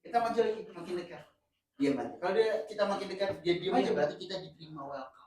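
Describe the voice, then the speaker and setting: A man teaching a communication workshop, lively and joking, switching between casual slang and formal teaching. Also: high voice, very fast. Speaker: communication trainer. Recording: echoey room, mic far off, faint noise.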